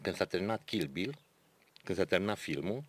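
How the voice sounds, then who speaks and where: A man with a very low, deep voice chats loosely on a podcast. He spins long, wandering anecdotes and often breaks into laughter. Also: lively intonation, slight background noise. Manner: rambling storyteller, laughs often. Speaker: podcast co-host. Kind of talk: casual chat.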